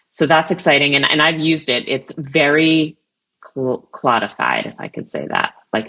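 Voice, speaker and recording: A woman guest speaks on a business podcast in a bright, pressing tone. She talks in energetic, emphatic bursts and leans hard on key words. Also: rumbling low, gravelly, poor audio. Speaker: guest, CRM vice president. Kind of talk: podcast interview.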